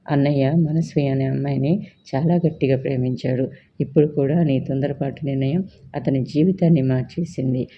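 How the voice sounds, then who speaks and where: A man's voice: fairly high pitch, lo-fi sound, slight background noise, close to an everyday voice. A storyteller voicing a frustrated young man who heatedly argues with his mother. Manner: heated, accusing, insistent.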